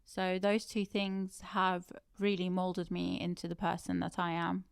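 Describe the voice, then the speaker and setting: In a studio-quality recording with no room sound, a woman in her thirties speaks in a fairly low, completely flat voice, a little slow, with vocal fry and a clear, resonant tone. Born in Turkey and raised in the UK, she is a thoughtful interview guest in a reflective conversation who keeps correcting herself.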